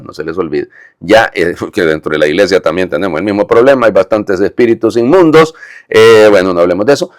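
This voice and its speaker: Priest preaching a homily: low, expressive male voice, dry recording, explains step by step. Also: no room sound. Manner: explanatory, with frequent tag questions.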